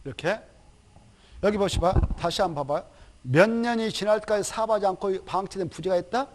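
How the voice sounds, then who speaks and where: High, lively male lecturer. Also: a little hiss or hum. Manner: lively, chatty, asks the class questions and answers them himself; acts out officials in quick quoted asides. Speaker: exam prep lecturer. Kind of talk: recorded online lecture.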